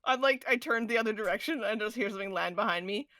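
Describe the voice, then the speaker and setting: A woman's voice: medium pitch, quick pace, bright, forceful tone, dry recording. A woman chatting casually as a player in a tabletop game. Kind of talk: casual chat.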